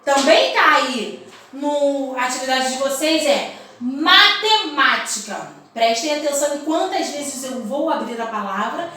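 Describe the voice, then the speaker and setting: A woman's voice: high voice, unhurried, a bit bright, recorded from a distance, slight background noise. A woman teaching young children in a recorded lesson, in a sing-song teacherly tone, stretching words out syllable by syllable. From Brazil. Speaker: primary school teacher. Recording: very echoey room, voice set back from the mic.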